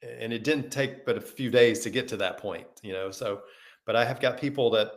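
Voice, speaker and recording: A man co-hosting a podcast, telling stories in a casual, animated way and acting out the people he quotes. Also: medium pitch, normal speed. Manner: animated storyteller, acts out quoted dialogue. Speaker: podcast co-host. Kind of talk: casual conversation, storytelling.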